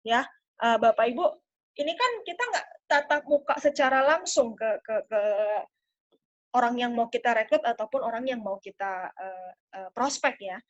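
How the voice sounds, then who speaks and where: A woman giving a sales coaching talk at a webinar, lively and demonstrative, often turning to address her audience. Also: on the high side, moderate pace, muffled recording. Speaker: sales trainer.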